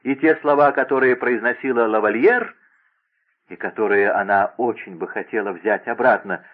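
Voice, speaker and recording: Reading aloud at a moderate pace in a natural, lowish voice, a man takes on the part of a scheming, imperious young princess who barks orders in a raised, insistent tone. The mood is commanding, and the audio sounds like a tinny, phone-like radio broadcast.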